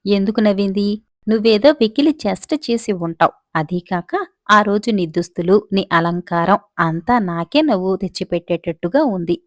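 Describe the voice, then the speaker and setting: A woman's voice: medium pitch, normal speed, no room sound, lightly acted. A woman reads the part of a fretful old servant father, chiding his son in an exasperated voice. The sound is dry and close, with no room around it. It is a storybook telling. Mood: scolding. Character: worried older male royal servant, scolding father.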